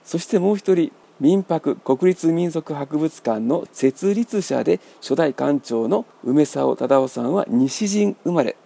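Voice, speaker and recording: A man hosting a radio book talk, explaining in a wry, measured way. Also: a little high, expressive, gravelly, mellow. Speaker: radio host.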